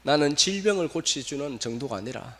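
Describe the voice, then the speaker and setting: A male pastor preaching a sermon in a church, animated, often asking the congregation questions. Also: a little high, fairly quick. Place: church sanctuary. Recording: long reverb of a church hall.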